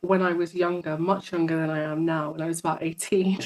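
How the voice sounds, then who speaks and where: A woman's voice: sits low, little pitch movement, brisk, darkish tone, low-quality recording. A woman, a psychologist guest chatting in an interview and telling stories, often repeating words for emphasis. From London, England. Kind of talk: casual interview conversation.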